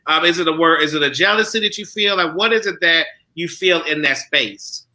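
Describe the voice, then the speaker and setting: A man with a high, very bright voice hosts a casual panel discussion. He talks in an animated way, restarting his sentences as he works his thoughts out. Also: fairly quick. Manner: animated, thinks aloud with restarts. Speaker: show host.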